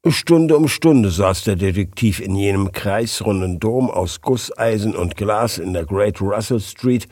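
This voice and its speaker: A man narrating a detective audiobook in an expressive, scripted read. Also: on the low side, breathy edge, no room sound, studio quality.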